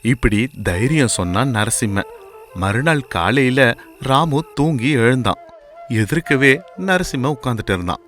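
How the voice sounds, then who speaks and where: Man, storyteller, scripted narration, measured delivery, middle pitch, soft music behind. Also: animated.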